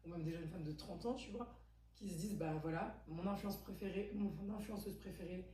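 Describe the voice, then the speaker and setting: A woman's voice: lowish voice, fairly quick, warm tone. A woman in her twenties hosting a podcast, talking in a chatty, emphatic way and asking probing questions. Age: 20s. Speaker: podcast host. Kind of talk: casual conversation. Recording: echoey room, distant mic, faint hum.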